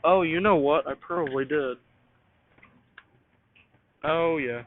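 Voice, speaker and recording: Taking it slowly, a man with a fairly high voice mutters and repeats himself as he fiddles with equipment. He's an amateur vlogger giving casual, unscripted talk while troubleshooting in his home radio studio. The recording is tinny and phone-like, backed by hiss.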